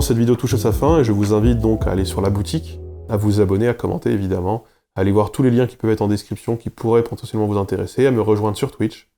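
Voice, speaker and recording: Male educational host, rapid delivery, wry asides, warm low tone. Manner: brisk, with wry ironic asides. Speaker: YouTube linguistics host. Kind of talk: scripted educational narration.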